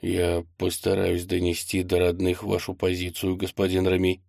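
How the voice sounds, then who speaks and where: A man's voice: sits low, monotone, moderate pace, gravelly, a little mellow, no room sound, clean studio sound. A man voicing a polite, deferential young male clerk in an audiobook, speaking formally and earnestly. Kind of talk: audiobook character voice.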